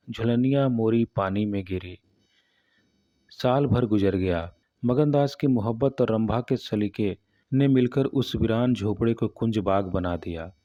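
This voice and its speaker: A man reads a classic short story aloud in a steady, measured storybook style. His voice is low and mellow. The recording is close and dry, with a dull, muffled sound. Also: no room sound. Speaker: narrator. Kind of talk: storybook narration of a classic tale.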